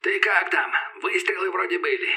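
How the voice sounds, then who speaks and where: A male narrator voicing an old man whose radio voice breaks through static, talking in quick clipped bursts. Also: high voice, steady tone, sharp tone, pitched above the performer's own voice. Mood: relieved. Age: older. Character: old male radio operator, gruff and eager.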